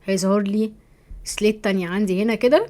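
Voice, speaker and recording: An Egyptian woman teaching a software course over a screen recording, chatty, often checking in with her viewers. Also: medium pitch, quick pace. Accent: Egyptian Arabic. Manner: chatty, keeps asking "تمام؟", thinks aloud while clicking.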